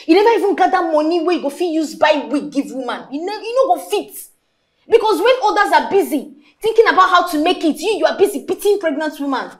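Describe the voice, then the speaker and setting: Jealous gossipy nigerian waitress, scornful, high voice that swings all over. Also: female voice, expressive, fast. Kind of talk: film drama dialogue in Pidgin.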